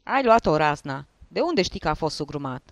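A man playing an irritable, bossy middle-aged male investigating judge in a read-aloud story. He talks curtly and scolds, his voice slightly high, recorded dry and close. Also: sing-song, a bit bright, dry recording. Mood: scolding. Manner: curt, scolding.

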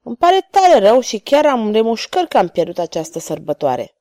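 A treacherous schemer who gloats and bellows with spite, as a woman narrator puts him on. His voice leaps up and down in pitch, rounded by a warm, mellow tone in a dry, close recording. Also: big pitch swings, no echo. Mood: gloating. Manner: spiteful and shouting. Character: scheming treacherous male villain.

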